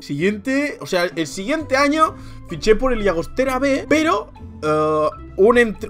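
A young man from Spain with a Spanish accent, chatting casually and jokily as he reads viewer comments in a vlog, laughing often. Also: high voice. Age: young adult. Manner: animated, jokey, laughs often, says "tío" a lot. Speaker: youtuber.

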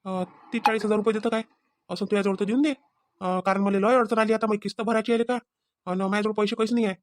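A woman's voice: medium pitch, steady tone, fast, natural voice. A woman voicing a young cartoon husband who keeps questioning and pleading. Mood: anxious. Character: young husband short of money.

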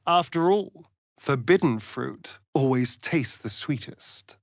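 A sly vampire rogue from a fantasy video game drawls in an arch, mocking manner, unhurried and theatrical, his gravelly voice swooping freely in pitch with lively intonation. He sounds seductive and sly. The recording is dry and close, savoring every vain aside.

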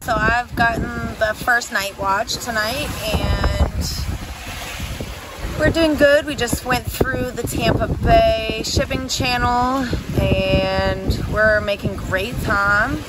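A woman in her thirties vlogging casually from a sailboat deck, relaxed and chatty, laughing easily. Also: a little high, slow, over loud music, rough recording. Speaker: sailing vlogger. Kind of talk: casual vlog narration. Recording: loud wind noise on mic. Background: wind and water noise.

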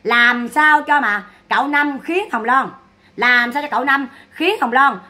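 A woman's voice: high voice, measured pace, bright, forceful tone. A woman giving mocking, scolding gossip commentary. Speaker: online commentator.

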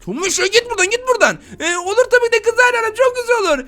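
A man hosting a Minecraft role-play, excitable, shouty and playful as he talks to viewers. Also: very high-pitched, rapid-fire. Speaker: gaming channel host.

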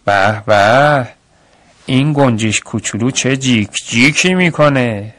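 A man's voice: medium pitch, fairly bright tone, no echo, natural voice. A man voicing a cold, mocking middle-aged accountant who speaks harshly and sneers.

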